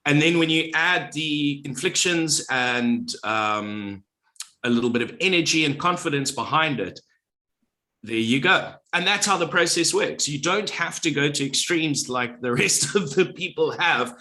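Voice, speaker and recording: A man's voice: a little high, expressive, unhurried, bright, forceful tone. A middle-aged man, a former radio presenter, speaking as a guest on a podcast in a confident, well-projected delivery. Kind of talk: podcast interview.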